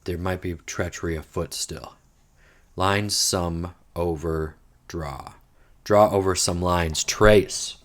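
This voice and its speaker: A man with a very low, deep voice talks through a crossword puzzle in a relaxed, chatty way. He drifts off into rambling asides and drops the odd swear word. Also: slow. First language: English. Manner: thinks aloud, rambling digressions, mild swearing. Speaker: podcast host solving a crossword. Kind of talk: casual solo puzzle-solving chat.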